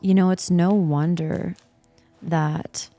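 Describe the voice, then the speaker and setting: A woman's voice: fairly low pitch, fairly even intonation, slow, warm tone, no echo, faint music behind. A woman in a casual spiritual chat, speaking in a reflective, searching way with many fillers.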